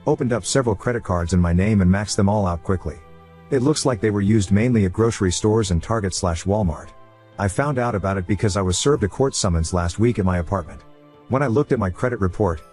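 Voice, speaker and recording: A man narrating online stories aloud in a brisk, steady delivery. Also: fairly low pitch.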